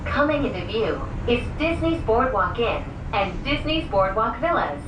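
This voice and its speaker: A woman making a scripted ride announcement with a lively, cheerful and carefully paced delivery, played over an outdoor loudspeaker in a cable car cabin. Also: fairly high pitch, a little slow. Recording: echoey, distant loudspeaker under loud cabin and vehicle noise.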